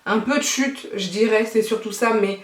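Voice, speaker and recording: A young woman talks through her makeup step by step in a relaxed, chatty way, pausing often with little fillers as she thinks aloud. Her voice sits in a middle pitch. The sound has a noticeable room echo, as if recorded at home. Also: far from the mic. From France. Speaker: beauty vlogger. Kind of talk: casual makeup tutorial talk. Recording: echoey room.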